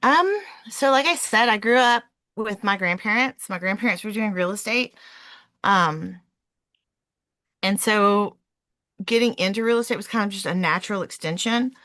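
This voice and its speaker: A woman's voice: mid-range voice, moderate pace, fairly bright tone, no room sound. A woman in her forties, a real estate investor answering interview questions in a chatty way, with many "um"s and self-corrections.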